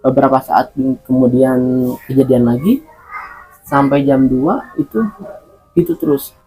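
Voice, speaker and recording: Hesitant man telling his story, mellow voice. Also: medium pitch, measured pace, breathy edge, low-quality recording. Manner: hesitant, restarts and repeats words with many fillers. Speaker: interview guest. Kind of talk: recounting a personal experience.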